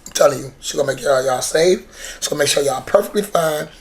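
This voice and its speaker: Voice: mid-range voice, fast talker. A podcast co-host in casual chat who swears freely, talks in slang and repeats words while thinking.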